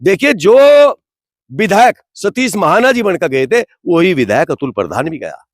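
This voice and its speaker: A man's voice: a little high, big pitch swings, moderate pace, no room sound, clean studio sound. A man, giving an impassioned, indignant street interview full of rhetorical questions. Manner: rhetorical, indignant, repeats "bhai". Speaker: interviewee from the community.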